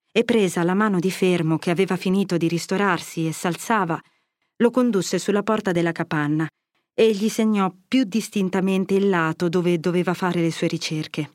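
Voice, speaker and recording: A woman narrating a literary audiobook in a measured, expressive storytelling manner. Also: on the low side, no room sound, studio quality.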